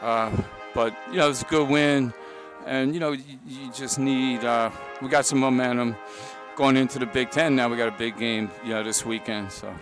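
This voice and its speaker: Middle-aged basketball coach after a game, lots of uh and you know, loud music going behind him. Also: male voice, medium pitch, steady tone, low-quality recording. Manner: halting, with frequent "uh" and "you know". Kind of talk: postgame interview.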